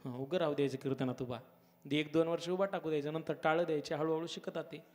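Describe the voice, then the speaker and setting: A man preaching a devotional kirtan sermon at a village gathering, fervent, swelling to loud exclamations. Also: fairly high pitch, fairly even intonation, fast talker, noisy background. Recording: long hall reverb with harmonium and tabla.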